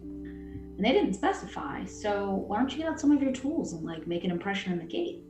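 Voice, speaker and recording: A woman playing a tabletop game, talking others into plans in a lively way. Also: mid-range voice, normal speed. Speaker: player. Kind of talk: casual tabletop role-play. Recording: echoey room, clear background music.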